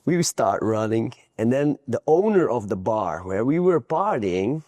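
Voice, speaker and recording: A man's voice: mid-range voice, big pitch swings, unhurried, darkish tone, no room sound. A man from Belgium, a guest coach giving earnest, plain-spoken interview answers with frequent restarts.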